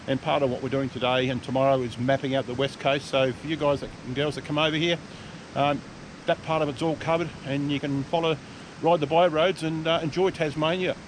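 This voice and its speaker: An Australian adventure motorcyclist hosts his vlog from the roadside, chatting briskly but easygoingly to camera with relaxed local slang. Vehicle rumble and outdoor noise fill the background.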